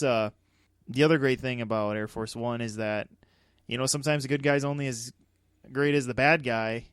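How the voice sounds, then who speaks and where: A man's voice: mid-range voice, clear, resonant tone, no echo, studio quality. A man co-hosting a movie podcast, chatting casually and animatedly, often laughing as he talks. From Dakotas, United States. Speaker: podcast co-host. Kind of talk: casual chat.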